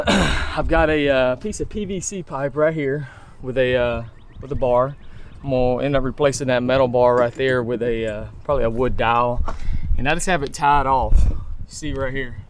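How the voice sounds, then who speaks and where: A fishing vlogger in his thirties, medium-pitched and at normal speed, casually explains his fishing gear to a handheld camera held at arm's length, relaxed and full of "uh"s. He's outdoors on a suburban street and by a lake, and also in a truck. Background music plays underneath, with a little hiss or hum.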